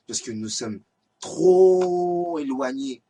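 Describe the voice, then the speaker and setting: Amateur lay preacher, male, raspy and airy, exhorting, recorded from a distance. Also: on the high side, expressive, takes it slowly, warm tone. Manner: earnest, exhorting, repetitive. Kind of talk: religious reminder talk.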